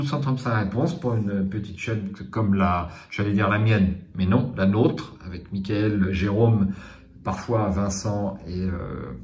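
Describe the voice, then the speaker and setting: A man's voice: on the low side, darkish tone, echoey room. A man hosting a board game channel, talking casually to his viewers with many fillers and restarts.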